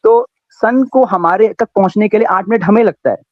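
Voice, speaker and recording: A man's voice: high voice, moderate pace, dry recording. A male caller from India, heard over a call line, who argues earnestly and halts as he searches for words. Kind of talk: call-in debate question. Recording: dull lo-fi call audio, dry.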